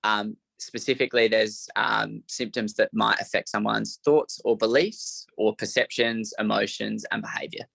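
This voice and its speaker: A young man runs a youth mental health workshop, walking through slides in an explanatory way with plenty of fillers. His voice sits low and has a gravelly fry. The sound is bright and dry. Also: steady tone, normal speed, few pauses, no room sound, low-quality recording. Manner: explanatory, frequent fillers and hedges. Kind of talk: workshop presentation.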